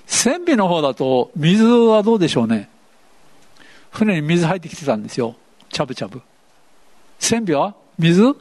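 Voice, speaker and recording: Male pastor, chatty interactive sermon, bouncy and animated, slightly high voice. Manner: asks the congregation questions, playful and chatty.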